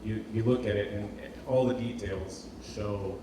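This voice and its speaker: An unhurried Portuguese man with a fairly low pitch and fairly even intonation gives an informal talk as a designer. He speaks hesitantly and repeats words as he works out his phrasing. Recorded live in a heavily echoing indoor hall, the audio is roomy, distant and noisy.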